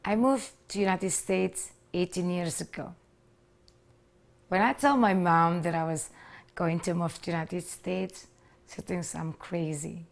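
This woman has a low voice with vocal fry and fairly even intonation, and she speaks unhurriedly. In her thirties and from Indonesia, she has an Indonesian accent and earnestly gives a personal testimony to camera, with small grammar slips. She is seated in a living room with a leather sofa, miked with a lapel mic.

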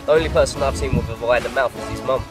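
A man's voice: mid-range voice, rapid-fire. A teenage boy chatting casually outdoors during a challenge. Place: open grassy field. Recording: loud music over outdoor clip. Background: loud music.

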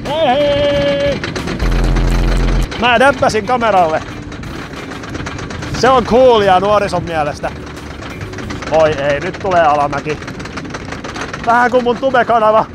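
A man vlogging at an amusement park, joking and shouting on the rides, his voice going hoarse. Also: high-pitched, pauses often, background noise. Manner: excited, jokey, shouts on rides. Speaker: YouTuber. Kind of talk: amusement park ride vlog. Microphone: action camera.

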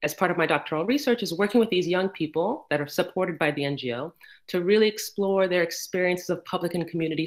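A woman in her thirties from the United States, giving a casual, thoughtful research talk over a laptop video call with frequent fillers. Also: deep voice. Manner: conversational, thoughtful, many fillers. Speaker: PhD candidate presenting research. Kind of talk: casual online presentation. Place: indoor room.

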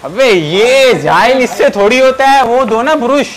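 A man with a Pakistani Urdu accent posing as a bossy barber in a salon prank, scolding and mock-apologizing in loud comic banter. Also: very high-pitched, animated, measured pace. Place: busy barber salon indoors.

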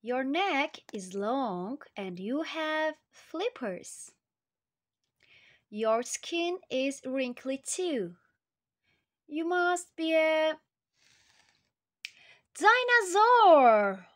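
A woman's voice: high-pitched, animated, drawn-out words, exaggerated voice. A woman doing a wide-eyed little boy. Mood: amazed. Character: curious excitable young boy. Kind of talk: storybook read-aloud.

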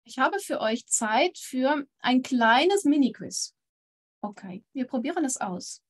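A woman's voice: sits high, very animated, slow. Upbeat woman teaching German online. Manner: encouraging, switches between German and English explanations. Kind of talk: online language lesson with quiz.

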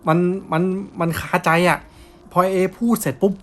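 A man's voice: fairly high pitch, moderate pace. A young man telling a ghost story in blunt, casual, slangy talk.

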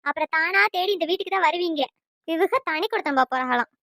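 A woman voicing a nagging, sharp-tongued middle-aged mother-in-law in a family cartoon. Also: fast, dry recording, clean studio sound. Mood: scolding. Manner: nagging, taunting, shrill. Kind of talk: cartoon voice acting.

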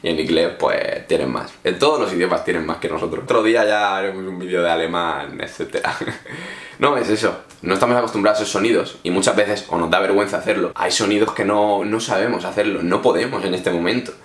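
A man's voice: low voice, fast talker, a bit bright, echoey room. A man from Spain giving casual, direct advice to viewers in a chatty vlog. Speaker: English teacher vlogger. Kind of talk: casual advice talk to camera.

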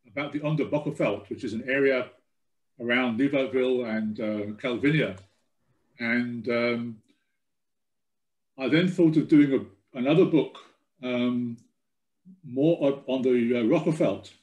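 An older man giving an informal, somewhat halting slide lecture over a video call from a room at home. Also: medium pitch, a little mellow, roomy sound, low-quality recording. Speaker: guest lecturer.

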